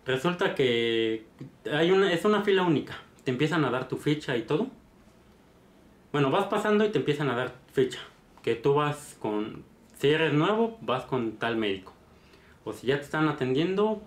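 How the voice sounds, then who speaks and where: A man's voice: a little high, expressive, normal speed. Chatty Mexican man in a roomy room. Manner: chatty, meandering, tag questions. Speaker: vlogger. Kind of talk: casual storytelling. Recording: roomy echo.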